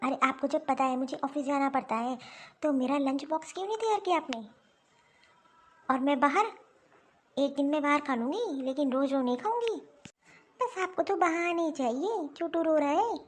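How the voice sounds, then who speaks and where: Bossy young daughter-in-law, scolding and dismissive, high voice, cartoon voice by a woman. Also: normal speed, natural voice. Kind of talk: Hindi cartoon dialogue.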